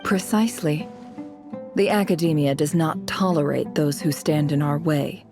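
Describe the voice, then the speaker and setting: A woman with a low-pitched voice plays a cold, cunning young female avenger in a video game. Her delivery is smooth, measured and disdainful.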